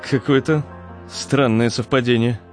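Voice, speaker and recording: A man's voice: mid-range voice, steady tone, unhurried, faint music behind, voice pushed up, close to an everyday voice. A man voicing a wary, sardonic young man who talks in a dry, skeptical way.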